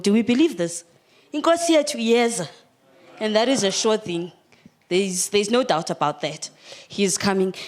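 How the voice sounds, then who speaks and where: A woman from Cape Town, a guest speaker in church, introducing herself chattily with many ums and then leading a prayer. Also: mid-range voice. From Cape Town, South Africa. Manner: chatty, with many filler ums; repeats "dear God" in prayer. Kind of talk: church talk and spoken prayer. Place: church hall.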